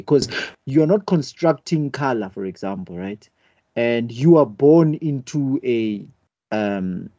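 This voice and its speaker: A man's voice: mid-range voice, dark tone, dry recording, muffled recording. A man in a casual debate, hesitant and searching for words as he argues a point.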